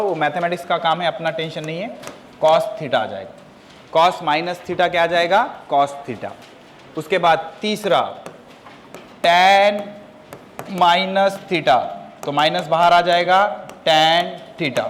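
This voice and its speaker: A man teaching a coaching class, first scolding students loudly about discipline, then calmly dictating formulas step by step in a classroom. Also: sits high, slight background noise. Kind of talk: classroom lecture.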